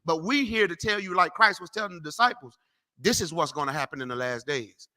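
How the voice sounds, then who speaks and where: Brief: profane street preacher, man, high, tense, cutting. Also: animated, a little fast, bright, forceful tone. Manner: brash, profane, mocking, tells people off. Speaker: street preacher teaching a class. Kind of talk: loud street-corner Bible teaching.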